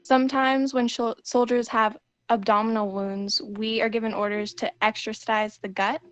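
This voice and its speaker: Patriotic army nurse in her twenties woman performer, higher-pitched, earnest and measured, dry recording, wartime radio interview. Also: no echo, lightly acted. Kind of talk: scripted 1940s war radio interview.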